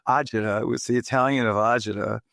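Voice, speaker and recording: Speaking quickly with fairly even intonation, this Bronx-born interviewer has a medium-pitched, creaky, somewhat bright voice. The studio-quality recording is dry, and he keeps things chatty, steering guests with leading questions and frequent "right?"s.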